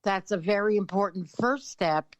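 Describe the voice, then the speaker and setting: She's an older woman from Canada who writes and consults on influence, appearing as an interview guest. Her mid-range voice moves at a normal pace, thoughtful and laden with fillers and throat clearing, on a dry recording with dull audio.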